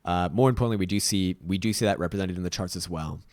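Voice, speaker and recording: A man with a Latvian accent and a raspy voice, giving casual live chart commentary as host, with informal, self-deprecating asides. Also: low voice, fast, darkish tone, no echo, clean studio sound. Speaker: host, market analyst.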